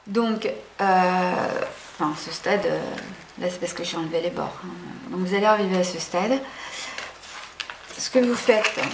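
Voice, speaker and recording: A woman hosting a casual craft tutorial, chatty and hesitant, full of fillers and self-corrections. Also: lowish voice. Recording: roomy echo, faint background noise.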